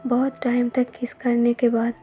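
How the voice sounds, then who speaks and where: A woman narrating a fan fiction love story in an even, steady reading voice. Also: a little high, normal speed. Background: faint background music.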